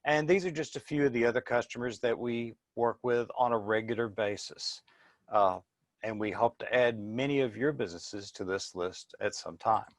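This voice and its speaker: A man's voice: mid-range voice, moderate pace, dry recording, studio quality. A man giving an informal sales presentation in a plain-spoken, explanatory way. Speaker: business presenter.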